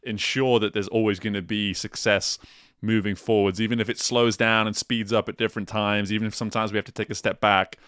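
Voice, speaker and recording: A man's voice: fairly low pitch, flat delivery, a little fast, fairly bright tone, smooth, no echo, clean studio sound. A man hosting a podcast, summing up an interview in an earnest, upbeat way and often repeating words as he thinks. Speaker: podcast host. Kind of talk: podcast wrap-up talk.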